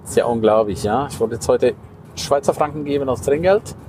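A man's voice: mid-range voice, fairly quick, a little mellow, slight background noise. A man hosting a casual podcast monologue, ranting indignantly and often ending with tag questions. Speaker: podcast host and coach.

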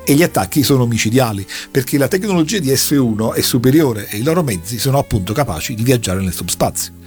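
Animated man recounting a story. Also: mid-range voice, quick pace, soft background music. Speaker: podcast host recounting an anime plot. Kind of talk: storytelling plot recap in a casual chat.

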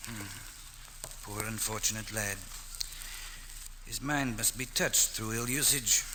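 On a noisy vintage radio recording, an actor plays a gallant, kindly nobleman swordsman in an old radio drama, speaking theatrical, archaic courtly English. His voice sits on the low side and is slow, with a gentle, courteous mood.

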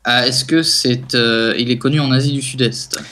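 A man's voice: medium pitch, fairly even intonation, moderate pace, a bit bright. A man co-hosting a casual chat, hesitant with many restarts and dry jokes. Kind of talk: casual chat among friends.

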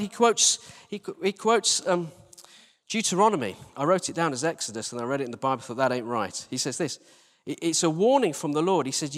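A church team leader from Britain gives an informal, conversational sermon in a high, slightly bright voice. He makes fun of himself, poses rhetorical questions, and repeats phrases for emphasis, with the large indoor church producing long reverberation.

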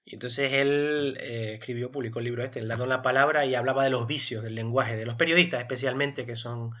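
A man co-hosting a casual podcast, explaining at length in a bright, forceful voice. He thinks aloud with fillers and keeps checking in with little tag questions. The recording is dull and lo-fi. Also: mid-range voice, steady tone, fairly quick. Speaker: podcast co-host.

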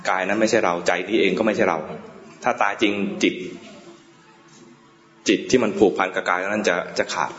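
A male Buddhist monk giving an informal Dhamma talk to laypeople, telling stories in a chatty way with frequent pauses. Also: on the low side, steady tone. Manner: chatty storytelling, pauses often. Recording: roomy, dull lo-fi recording.

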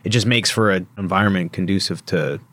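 A man's voice: deep voice, fairly quick, fairly bright tone, no room sound, clean studio sound. A man hosting a podcast in an informal, conversational style. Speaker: podcast host. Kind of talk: casual conversation.

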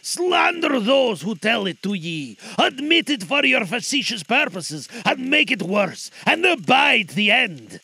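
A man's voice: high-pitched, very animated, unhurried, gravelly, hardly any pauses, pushed and bright, breathy edge, no echo, full character voice. A man voicing a sorrowful, stern ghost of Christmas in a storybook reading. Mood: commanding. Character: sorrowful aging male Christmas spirit, stern.

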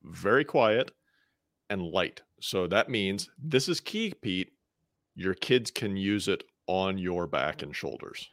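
A man's voice: low-pitched, expressive, slow pace, a bit bright, no echo, clean studio sound. A man co-hosting a podcast, chatting casually and in a laid-back way. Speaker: podcast co-host. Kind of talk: casual chat.

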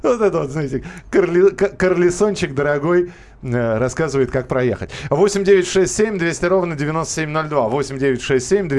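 A man's voice: fairly high pitch, animated, a little fast, a little mellow. A man hosting a casual radio show about cars, playful and joking with his co-hosts. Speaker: radio host. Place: radio studio.

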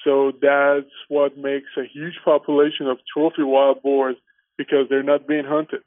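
A man's voice: mid-range voice, completely flat delivery, unhurried, no room sound. A man from Armenia with an Armenian accent, a guest speaking earnestly in a casual interview over the phone. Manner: earnest, restarts often with "you know". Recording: tinny phone line.

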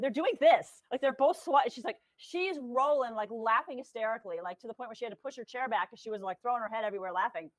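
A woman medium telling stories in casual chat, animated and acting out voices with laughter. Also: fairly high pitch, dry recording, poor audio. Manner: lively, animated, acts out quotes with laughter. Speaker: guest medium.

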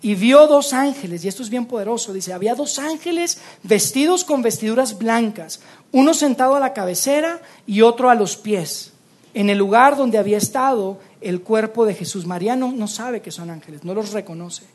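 A woman's voice: fairly high pitch, expressive, moderate pace, a little mellow, breathy edge. A woman preaching an Easter sermon, telling the story expressively and acting out the quoted lines.

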